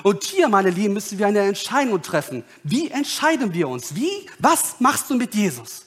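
Animated male preacher, high and lively. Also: normal speed, husky. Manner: animated, dramatic storytelling preaching. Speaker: pastor. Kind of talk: sermon.

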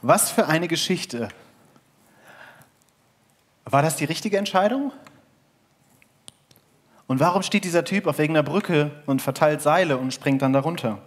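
A man's voice: a little high, a little slow, pauses often. A man preaching a sermon in a conversational way, telling a parable and asking the audience questions. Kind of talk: sermon with storytelling.

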